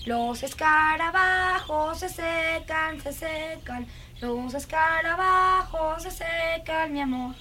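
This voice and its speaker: A woman's voice: sits high, animated, normal speed, fairly bright tone, soft background music. A woman dubbing a dreamy, eerie little girl who is fascinated by dead beetles, in a lingering, singsong, childlike way. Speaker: dubbing actress. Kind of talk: film dubbing.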